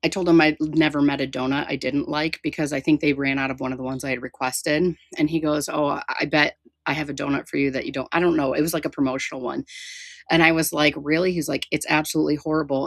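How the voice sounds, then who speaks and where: A middle-aged woman hosting a podcast, her voice sitting low in pitch. She talks in a loose, chatty way and laughs easily. She is recorded close on a studio microphone. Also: steady tone, brisk, dry recording. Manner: giggly, chatty. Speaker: podcast host. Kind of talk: casual chat.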